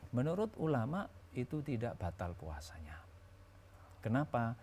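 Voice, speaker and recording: A man's voice: mid-range voice, big pitch swings, a little slow, darkish tone, slight background noise. A man teaching as a religious scholar on a talk show, patiently explaining rules with everyday examples.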